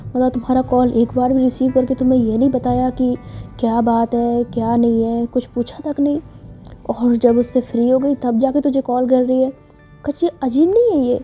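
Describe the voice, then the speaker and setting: A woman's voice: high voice, steady tone, normal speed, mellow, highs cut off, faint music behind, lightly acted. A woman voicing a sly, teasing young friend. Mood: sly, probing. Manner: pleading, then probing and insinuating.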